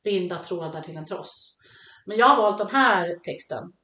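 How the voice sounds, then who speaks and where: Woman, lowish voice, halting and reflective, casual chat, roomy echo. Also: lively intonation, pushed and bright. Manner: halting and reflective, searching for words. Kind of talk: casual chat about songs. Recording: echoey room.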